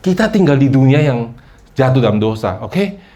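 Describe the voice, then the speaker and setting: A male pastor preaching a sermon, lively and conversational, slipping into English phrases and acting out people's excuses in a higher voice. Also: moderate pace, a little hiss or hum.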